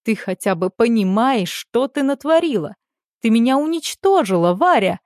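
A woman voicing an indignant middle-aged aunt who pleads and accuses loudly. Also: on the high side, very animated, moderate pace, no echo, studio quality. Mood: accusing.

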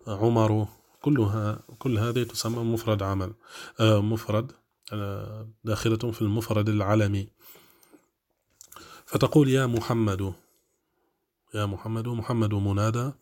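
A man teaching Arabic grammar in a classroom lesson, explaining step by step with drawn-out fillers and frequent checks that listeners follow. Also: fairly low pitch, a little mellow.

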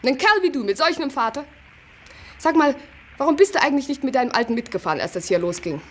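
A woman's voice: high voice, animated, fast talker, a little hiss or hum. An actress playing an irritable young woman in a radio play, who answers curtly and teases dismissively. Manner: curt, snappish, teasing.

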